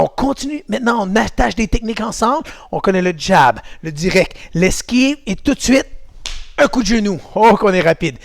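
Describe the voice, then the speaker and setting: Male karate instructor, animated pitch, gravelly edge, drills kids with energetic calls. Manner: energetic coaching, shouted commands and counts. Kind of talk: online kids' karate class.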